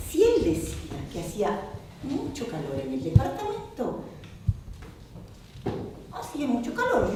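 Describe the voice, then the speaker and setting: Actriz que interpreta a una esposa recatada y teatral, con acento argentino. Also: female voice, recorded from a distance, noisy background. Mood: prim. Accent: Argentine Spanish. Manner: expressive, mimics sounds and shifts pitch for emphasis. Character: Olga, a prim middle-aged wife devoted to her husband. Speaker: stage actress in a one-woman play. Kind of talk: theatrical monologue. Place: theatre stage. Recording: echoey theatre recording from afar with music.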